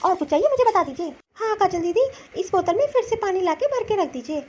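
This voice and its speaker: A woman's voice: very high-pitched, big pitch swings, a little fast, a little mellow, a little hiss or hum. A woman voicing a bossy, selfish young sister-in-law in a cartoon story, curt and dismissive. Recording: slightly dull lo-fi recording.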